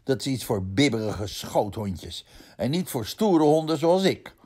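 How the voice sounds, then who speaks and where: A man's voice: medium pitch, big pitch swings, unhurried, a little mellow. A man voicing a stubborn, proud young boy dog in a read-aloud children's storybook. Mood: grumpy.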